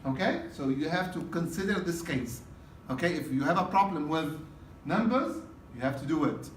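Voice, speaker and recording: Teacher lecturing in an echoey classroom. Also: male voice, fairly high pitch, expressive, moderate pace, slight background noise. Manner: repetitive, checks in with "okay?". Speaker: exam prep teacher. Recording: roomy classroom from a distance.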